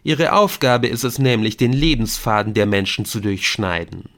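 A man's voice: fairly low pitch, animated, moderate pace, a bit bright. A male audiobook reader voicing a playful, theatrical adult man who loves riddles and teases with mock drama. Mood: theatrical, explaining. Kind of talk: audiobook character voice.

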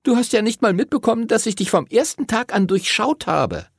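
A man's voice: high-pitched, sing-song, fairly quick, creaky, breathy edge, no room sound, clean studio sound, voice pushed up, full character voice. A man voicing a fiery, outspoken young schoolgirl who scolds her friends sharply. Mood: scolding.

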